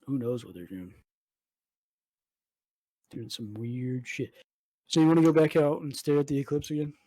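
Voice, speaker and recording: A man's voice: medium pitch, steady tone, moderate pace, mellow, no echo, rough recording. A young man co-hosting a podcast at home, telling a long story in casual chat with lots of "like" and swearing. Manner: rambling storyteller, heavy swearing and fillers. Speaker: podcast co-host.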